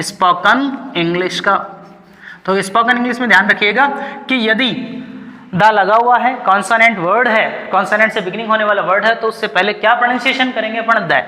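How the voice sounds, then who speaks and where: A man's voice: sits high, pushed and bright. An Indian man teaching a grammar lesson, asking his class questions and answering them himself, with "okay" between points. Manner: keeps saying "ठीक है" between points. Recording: long hall reverb.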